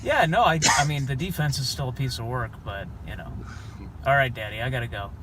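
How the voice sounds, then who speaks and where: A man's voice: medium pitch, a little fast, heavy background noise, lightly acted. Man doing a son rambling on the phone. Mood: chatty. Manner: casual, rambling small talk. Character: grown man chatting on phone with parents. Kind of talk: self-recorded comic phone call.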